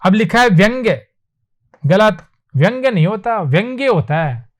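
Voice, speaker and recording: A man teaching a Hindi spelling lesson at a whiteboard, repeating each word slowly and asking himself questions before he answers them. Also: high voice, very animated. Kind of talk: classroom lecture on spelling. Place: classroom with whiteboard.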